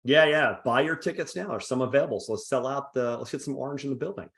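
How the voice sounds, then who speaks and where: A man's voice: medium pitch, quick pace, creaky, fairly bright tone. A man hosting a casual sports podcast interview, chatty and joking. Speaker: podcast host.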